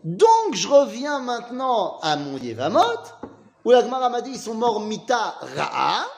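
A man's voice: extremely high pitch, wildly swooping pitch, unhurried. A man teaching an informal Talmud class, asking questions and then answering them himself in a casual, slangy way.

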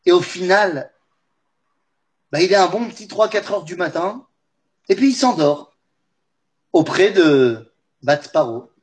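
A man teaching a religious class, telling a story in an animated way and speaking straight to his listeners. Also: high voice, measured pace, long pauses. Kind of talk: lively storytelling lesson.

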